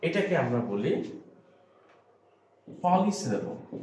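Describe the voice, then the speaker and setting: A man's voice: medium pitch, sing-song, takes it slowly, darkish tone. Bengali-accented man teaching in an echoey room. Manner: explains step by step, mixes English phrases into Bengali. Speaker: English teacher. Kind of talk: classroom lesson. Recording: echoey room, faint background hum.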